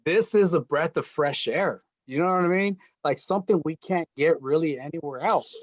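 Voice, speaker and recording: A man's voice: fairly high pitch, moderate pace, dry recording. A man speaking earnestly in a casual panel chat, often saying "you know". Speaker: panel guest.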